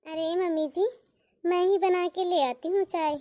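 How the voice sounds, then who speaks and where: A woman's voice: very high voice, steady tone, unhurried, no room sound, clean studio sound. A woman voicing a patient, respectful elder daughter-in-law in a cartoon. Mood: gentle. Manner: gentle, dutiful, respectful. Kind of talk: cartoon voice acting.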